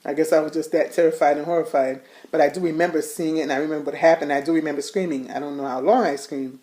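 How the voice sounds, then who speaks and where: A woman's voice: deep voice, steady tone, fast, mellow. A woman giving a personal testimony in a casual, rambling way, with many fillers and restarts. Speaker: ministry leader giving testimony.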